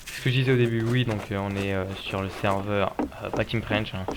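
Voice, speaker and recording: A man's voice: on the low side, fairly even intonation, a little fast, heavy background noise. A tired man working as a game server admin, scolding players in casual gameplay commentary. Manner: exasperated, scolding players about respect.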